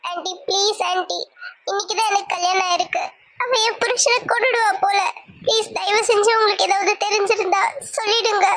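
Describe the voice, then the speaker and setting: A woman's voice: very high-pitched, steady tone, fairly quick, fairly bright tone. A woman voicing an emotional young bride in a cartoon who begs for help. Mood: pleading. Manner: tearful, pleading.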